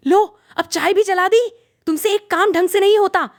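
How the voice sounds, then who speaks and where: A woman voicing a stern, nagging older mother-in-law with sharp, taunting lines in a cartoon story. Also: a little high, expressive, moderate pace, dry recording, clean studio sound, pitched above the performer's own voice, natural voice. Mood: scolding.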